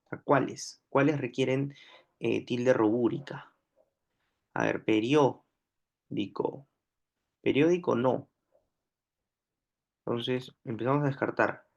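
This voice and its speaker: A man with a Peruvian Spanish accent teaching a grammar lesson, slow and deliberate, repeating each example word aloud. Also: mid-range voice, vocal fry, darkish tone. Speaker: language teacher.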